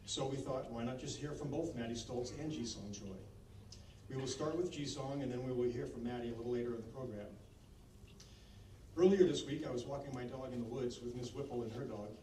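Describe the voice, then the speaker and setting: Male school leader, formal podium speech, measured phrasing, relaxed tone, picked up from a distance. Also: mid-range voice. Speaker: school leader addressing graduates. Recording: echoey, distant microphone, clear background noise.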